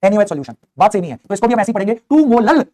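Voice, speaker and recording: Fast-talking, coaxing chemistry teacher man. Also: sits high. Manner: energetic, coaxing, voices students' replies himself. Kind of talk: online lecture.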